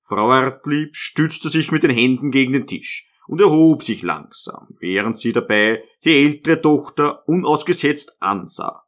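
A man narrating a literary audiobook in a measured, even manner. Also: mid-range voice.

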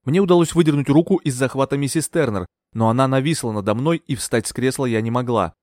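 A man narrating an audiobook in an expressive storytelling manner. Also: mid-range voice, fast talker, no echo, studio quality. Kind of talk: scripted narration.

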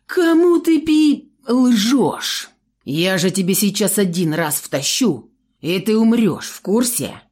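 A menacing young tough, as a woman reading a story puts him on, speaking slowly and coldly in a low-set voice. His threats come out blunt and coarse, with a lively rise and fall. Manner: slow, cold, threatening.

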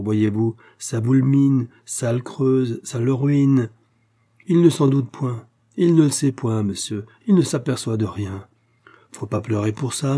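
A man's voice: lowish voice, mellow. A man voicing a gossiping old peasant woman with rural dialect, rambling and fussing in an audiobook reading. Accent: rural French peasant dialect. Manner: rambling, fussing, rustic grammar.

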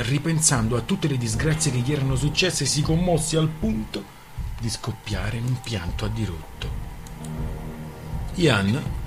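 Male radio story reader, mid-pitched, calm and measured, faint music behind. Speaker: narrator.

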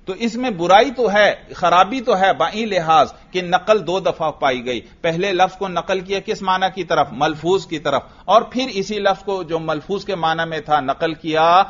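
A man with an Urdu accent teaches a lecture class on Arabic grammar, explaining step by step and posing questions to himself before answering them. His voice sits high and is a bit bright, and he hardly pauses. The recording is muffled.

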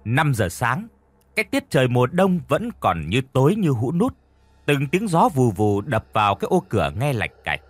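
A man's voice: mid-range voice, wildly swooping pitch, normal speed, husky, dry recording. A man narrating a horror story in a vivid, dramatic style.

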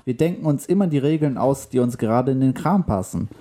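Ein Mann spricht einen lässigen, unbekümmerten Raumschiffkapitän beim Vorlesen einer Geschichte. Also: male voice, medium pitch, animated, fairly quick, mellow, natural voice. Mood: breezy. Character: laid-back male space captain.

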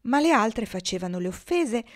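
A woman reading a classic children's novel aloud, with lively, expressive narration. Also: on the high side, normal speed. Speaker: audiobook reader.

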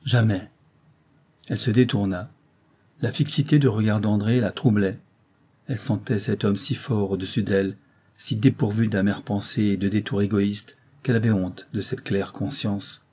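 A male narrator reading a classic novel aloud in an even, unhurried manner. His voice sits low, with a warm, mellow and slightly husky tone. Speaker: audiobook narrator. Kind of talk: scripted literary narration.

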